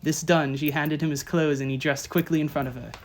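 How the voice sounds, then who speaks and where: A man reading an audiobook in a steady, measured way, as narrator. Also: fairly high pitch. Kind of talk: scripted narration.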